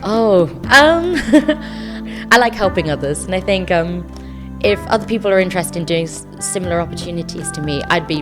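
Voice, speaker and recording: A young medical student from South London, with a London accent, is a guest on a podcast, chatting enthusiastically and reflectively in a casual interview. Her voice is on the low side and expressive at a moderate pace, with music playing in the background.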